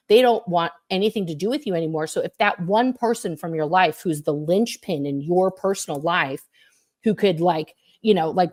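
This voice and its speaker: Lowish-voiced woman telling an animated story. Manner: animated storyteller, frequent fillers and swearing. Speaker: guest, former member recounting experiences. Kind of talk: casual video-call conversation. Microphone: computer mic on a video call.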